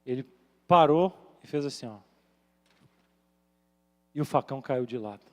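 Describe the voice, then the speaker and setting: A male pastor with a Minas Gerais accent, preaching a sermon as a dramatic story, acting out voices and swinging from loud to hushed. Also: mid-range voice, lively intonation, measured pace. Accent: Brazilian Portuguese, Minas Gerais. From Minas Gerais, Brazil. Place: large church hall. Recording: reverberant church hall with music.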